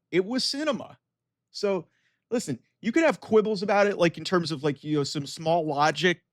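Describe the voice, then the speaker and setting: A man's voice: fairly high pitch, dry recording, clean studio sound. Emphatic man giving opinionated wrestling commentary. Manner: emphatic, argumentative, addressing viewers directly. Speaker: wrestling commentator with an online channel. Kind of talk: opinionated video commentary, casual.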